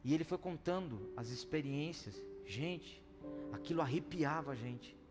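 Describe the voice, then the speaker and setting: A high-voiced male pastor delivers a sermon, telling a story in an animated way and swinging between loud and hushed delivery. His voice rings with the long reverb of a church hall. Soft music plays faintly underneath. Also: moderate pace.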